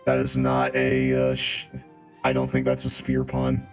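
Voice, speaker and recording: A game streamer, a man whose voice comes out through a low, robotic filter. He talks in a loose, joking way and warmly thanks the people watching. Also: sing-song, unhurried, creaky, soft background music. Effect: deep robot voice filter. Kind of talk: casual chat while playing a game.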